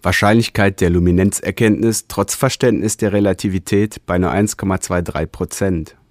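A man's voice: low voice, fairly even intonation, normal speed, a little mellow, no echo, clean studio sound, natural voice. A man voicing a precise alien information officer rattling off figures.

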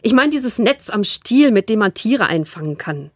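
A woman reading a children's book aloud and voicing an excitable, insistent young girl. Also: mid-range voice, normal speed, dry recording. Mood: eager. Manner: eager, insistent. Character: excitable girl, the best friend, bossy and secretive.

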